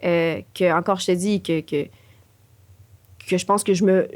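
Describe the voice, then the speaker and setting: Expressive woman with a Quebec French accent. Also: lowish voice, a little slow, dry recording. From Chile. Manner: expressive, frequent fillers, mixes in English. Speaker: podcast co-host. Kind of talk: casual conversation.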